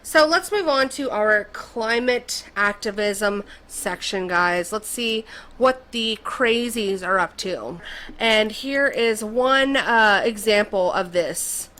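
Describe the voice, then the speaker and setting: A woman's voice: medium pitch, slow pace, a bit bright, poor audio. A woman hosting a commentary show, giving a sarcastic, mocking rant and tagging her sentences with "okay?". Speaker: commentary channel host.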